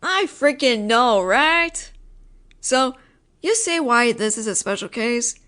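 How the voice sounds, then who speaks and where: A woman plays a female mafia boss in an audio drama monologue, her voice pitched high with a fairly bright, expressive tone as she takes it slowly. She speaks wry wiseguy slang and sighs over the incompetence around her, apologetic and protective beneath the exasperation, in a wry, explaining mood.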